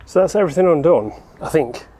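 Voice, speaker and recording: A man's voice: on the high side, expressive, quick pace, heavy background noise. A man presenting a car repair vlog, explaining each step informally as he works. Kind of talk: casual hands-on how-to narration.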